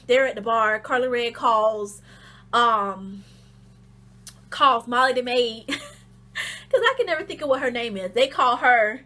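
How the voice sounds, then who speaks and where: A woman with a high, light voice giving a chatty reality TV recap. She tells it as an animated story and acts out the scenes, with loose slangy talk and plenty of fillers. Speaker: reality TV reviewer. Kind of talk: casual recap and commentary.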